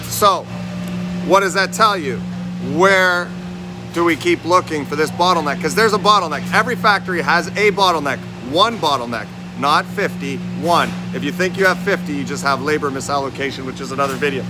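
A man's voice: a little high, brisk, background noise. A man in his forties walks through a factory on a phone vlog, talking straight to viewers as a lean manufacturing consultant and quizzing them with questions. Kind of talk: walking factory-tour vlog. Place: large indoor factory warehouse. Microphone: phone held at arm's length, selfie framing.

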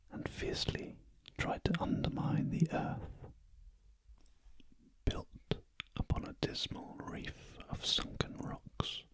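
Male ASMR narrator, British accent, breathy ear-to-ear whisper throughout, very unhurried storytelling, dry and intimate sound. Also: very high-pitched, no echo, low-quality recording. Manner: very gentle, hushed, deliberate. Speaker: audiobook narrator. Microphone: close ear-to-ear stereo microphone.

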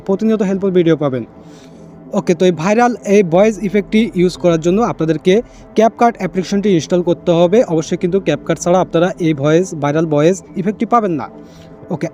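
A tech tutorial host with a high, somewhat mellow voice narrates a casual screen-recorded how-to for a phone app. He talks quickly, explaining each step casually, repeating it, and mixing in English catchwords.

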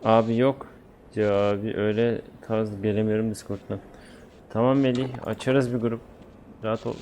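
A man's voice: on the low side, flat delivery, moderate pace, background noise. A man with a Turkish accent chats casually and in slang with viewers while live-streaming a game. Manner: informal, slangy, chatting with viewers.

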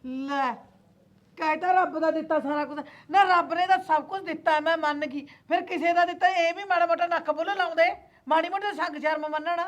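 Sharp-tongued Punjabi mother-in-law, high voice, scolding and sarcastic, played by a woman. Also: fairly even intonation, brisk. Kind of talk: acted family drama.

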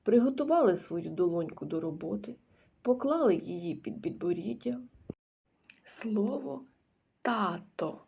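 A woman kindergarten teacher giving a recorded literacy lesson to preschoolers, slow and patient, pausing for the children's answers and often dropping into a breathy half-whisper. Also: on the low side, mellow.

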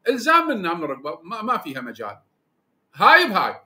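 A man's voice: sits high, huge pitch swings, fast, bright, forceful tone. A man arguing in a heated religious debate, insistent and repeating himself to hold the floor. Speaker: debate panelist.

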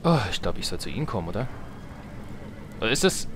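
A man with a lowish, sing-song voice talks quickly over strategy game music and sounds, in a noisy setting. Doing a let's play, he offers casual commentary, joking asides, and musings to himself.

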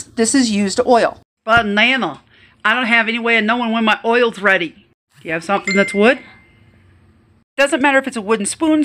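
A woman's voice: a little high, fairly bright tone. An older woman, a retired chef, talking through a home cooking tutorial in a chatty, upbeat way, filmed on a phone at arm's length in her kitchen. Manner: chatty, upbeat, step-by-step explaining. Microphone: phone held at arm's length.

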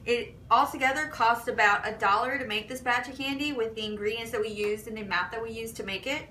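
A woman's voice: on the high side, fairly even intonation, fast, bright, forceful tone, a little hiss or hum, low-quality recording. A woman hosting a casual cooking demonstration, walking through each step in an easygoing, chatty way. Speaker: cooking video host.

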